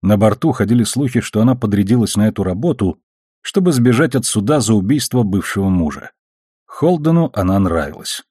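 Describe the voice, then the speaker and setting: A male audiobook narrator with a low, husky voice. He reads in a steady, measured way. The recording is dry and close, with no room sound. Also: no room sound. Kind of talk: scripted narration.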